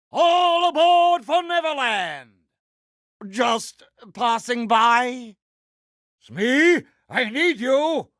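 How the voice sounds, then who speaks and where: A man's voice: very high voice, fairly bright tone, no echo, clean studio sound, exaggerated voice. A male actor playing a vain, villainous pirate captain in a video game, speaking in a pompous, grandiloquent, theatrical manner. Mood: commanding, then indignant, menacing. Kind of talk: video game character voice lines.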